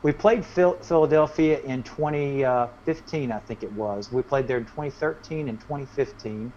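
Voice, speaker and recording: Interviewed as a musician, a man with a medium-high, slightly mellow voice explains himself in a loose, rambling, casual way at a moderate pace. The audio is muffled and lo-fi, with faint noise.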